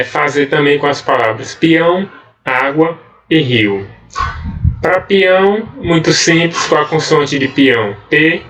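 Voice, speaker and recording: A male teacher with a Brazilian accent at middle pitch, talking students through a grammar lesson one step at a time. He checks in often with short tags and slows down on key words. The mic sits some way off from him, with faint music underneath. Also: a bit bright, distant mic. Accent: Brazilian Portuguese. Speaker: Portuguese teacher. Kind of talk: recorded grammar lesson for seventh graders.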